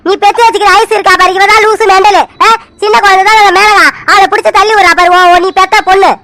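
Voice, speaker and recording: A woman voicing Kala, a sharp scolding aunt. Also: very high-pitched, little pitch movement, quick pace. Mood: angry scolding. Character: quarrelsome scolding aunt in a joint family. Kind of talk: homemade animated family drama.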